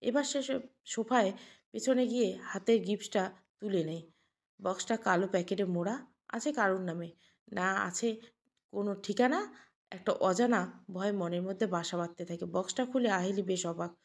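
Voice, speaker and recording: A woman reading a romantic family audio story aloud in a steady, soft-spoken way. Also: mid-range voice, normal speed, pauses often. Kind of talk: scripted audio story narration.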